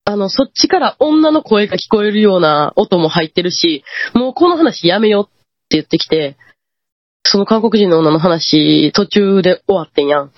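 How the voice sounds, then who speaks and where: Kansai woman guest, husky, lively pitch, muffled dry lo-fi call audio, animated ghost-story teller. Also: no room sound. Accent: Kansai Japanese. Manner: animated, acts out quoted lines. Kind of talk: casual ghost-story telling.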